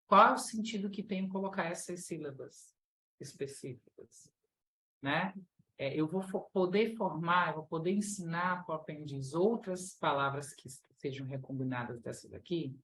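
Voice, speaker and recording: A woman with a low, deep voice and a Brazilian Portuguese accent delivers a live lecture. She talks in a chatty, informal way, full of fillers, and keeps turning to her audience with questions. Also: fairly bright tone, poor audio. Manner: chatty, addresses audience as "gente", frequent fillers.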